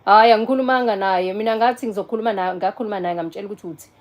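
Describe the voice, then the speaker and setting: Talking rapid-fire in a mid-range voice, a South African woman in her 40s hosts a relaxed live stream. She responds to viewers, fields a call partway through, and moves back and forth between Zulu and English.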